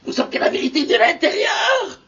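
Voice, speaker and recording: Preacher, male, high gravelly voice, impassioned, distant lo-fi recording. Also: sing-song, moderate pace. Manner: impassioned, swings from whispers to shouted Hebrew verses. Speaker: rabbi. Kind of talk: sermon.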